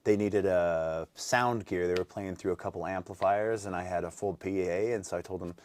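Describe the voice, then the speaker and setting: A man's voice: low-pitched, steady tone, normal speed, darkish tone. A man in his twenties from North Dakota, a guest musician telling long rambling stories with many fillers in a casual interview. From North Dakota, USA. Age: 20s.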